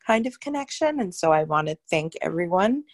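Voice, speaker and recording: A woman in an online group giving thanks in a slow, halting way with many pauses. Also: lowish voice, sing-song, no echo. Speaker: workshop participant.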